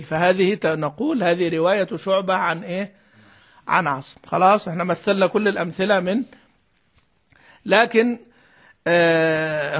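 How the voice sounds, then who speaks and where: Guy with a high voice giving a recitation lesson, keeps asking the class to finish his sentences. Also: a bit bright. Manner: prompts students with fill-in questions, repeats key terms. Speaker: Quran recitation teacher. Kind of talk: lecture on Quran reading rules.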